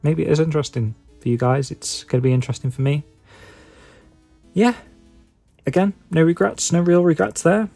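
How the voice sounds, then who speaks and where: Mellow man with a Stoke accent. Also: fairly high pitch, normal speed, vocal fry, soft background music. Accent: Stoke-on-Trent English. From England. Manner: hesitant, self-deprecating waffling with many filler phrases. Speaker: YouTube video maker and podcaster. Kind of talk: casual rambling chat to viewers.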